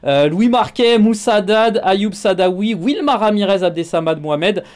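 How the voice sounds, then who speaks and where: A man's voice: high voice, expressive, moderate pace, darkish tone. A man hosting a sports show, chatting casually with many filler sounds and asking his guest questions. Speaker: show host.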